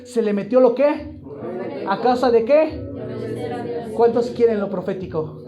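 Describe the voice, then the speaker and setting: A man's voice: extremely high pitch, unhurried, dull audio, music in the background. A man preaching a live sermon to a congregation, emphatic and throwing repeated questions at the room. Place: church hall, live congregation.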